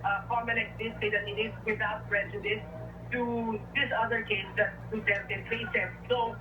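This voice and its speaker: Female press scrum reporter, unscripted and halting, noisy distant live feed. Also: mid-range voice, little pitch movement. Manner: halting, searching for words as events unfold. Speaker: field news reporter. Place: crowded office building hallway indoors. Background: commotion of a media scrum.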